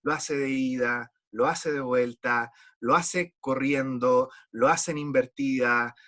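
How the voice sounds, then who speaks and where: A man's voice: medium pitch, slow, fairly bright tone. A man preaching a sermon in an earnest, pleading way, often repeating words as he restarts a thought.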